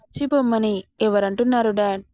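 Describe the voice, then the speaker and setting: A woman's voice: a little high, fairly quick, mellow, no room sound, natural voice. A woman reading as a scornful grown son. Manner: blunt and scornful. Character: rude, dismissive young adult son.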